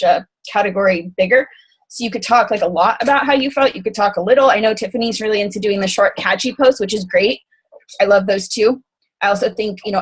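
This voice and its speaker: A woman speaking on a team call in a quick, rambling way, full of "like" and "um". Her voice is husky and a little breathy. She sounds like she is chatting to a group over a call microphone. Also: mid-range voice. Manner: fast-talking, rambling, many fillers. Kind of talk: casual talk on a group call.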